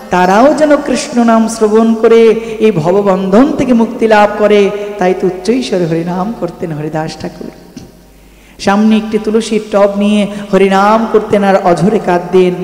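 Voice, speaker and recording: A man's voice: sits high, a little mellow. A male devotional preacher telling a saint's story in a sermon, chanting the mantra in a sing-song and asking the listeners rhetorical questions. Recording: echoey hall with music behind.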